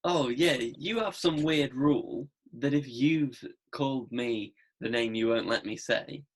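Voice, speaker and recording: A man's voice: mid-range voice, unhurried, breathy edge. A man hosting a podcast in casual chat, jokey and teasing. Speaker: podcast host.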